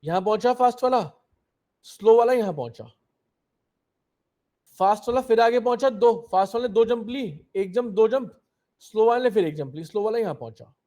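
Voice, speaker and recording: Young male tutor, high-pitched, patient step-by-step explainer checking in with students. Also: normal speed, long pauses, dark tone. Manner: explains step by step, keeps asking if students understood. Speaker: coding teacher. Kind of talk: live online coding class.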